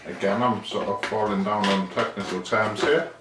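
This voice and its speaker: An amateur DIY video maker gives a casual hands-on demonstration, rambling and self-deprecating as he thinks aloud. His voice sits on the low side, with fairly even intonation and a moderate pace. The mic is distant and echoey, with hiss.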